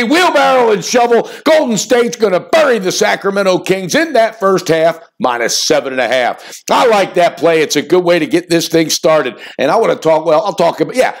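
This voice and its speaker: A man in his fifties hosting a sports betting picks show, talking in a fired-up, folksy way with loud bursts and low asides. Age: 50s. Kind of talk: energetic sports picks monologue.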